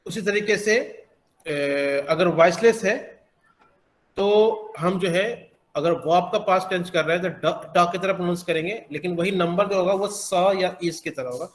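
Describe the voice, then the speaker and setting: A man teaching English pronunciation, explaining slowly with many hesitant pauses. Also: high voice, echoey room. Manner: slow, halting, many filler pauses. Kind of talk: explanatory classroom lesson.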